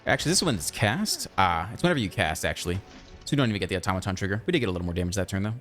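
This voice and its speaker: A man giving casual, chatty commentary over his own card game, thinking aloud and breaking into excited outbursts. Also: deep voice, very fast, soft background music. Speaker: gaming channel host.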